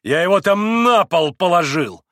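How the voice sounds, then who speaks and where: A man's voice: sits high, sing-song, brisk, a bit bright, slightly rough, no room sound, clean studio sound, pitched above the performer's own voice, heavily acted. A man reading an audiobook, voicing a hot-headed young nobleman who speaks boisterously. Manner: boisterous, breathless.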